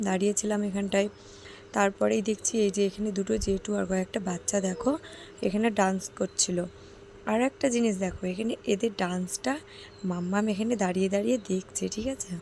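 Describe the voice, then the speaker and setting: A woman with a hoarse, gravelly voice narrates her vlog in a chatty way, speaking directly to the people watching. Her tone is dark and mellow, and a faint background noise sits behind her. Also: mid-range voice. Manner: chatty, addresses viewers directly. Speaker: vlogger. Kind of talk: casual vlog voice-over narration.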